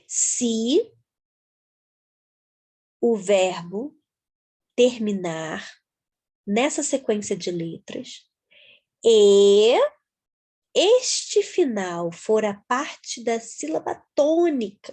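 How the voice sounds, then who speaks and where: Woman teacher, unhurried, patient, spells things out, slightly husky. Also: medium pitch, darkish tone. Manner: patient, spells words out letter by letter. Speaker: English teacher. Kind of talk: explaining grammar to viewers.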